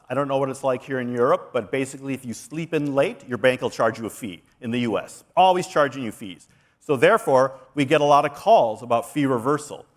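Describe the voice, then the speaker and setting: Man, conference speaker, energetic, persuasive, middle pitch, presenting from a stage. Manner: energetic, persuasive, walks through slides. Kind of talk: keynote presentation.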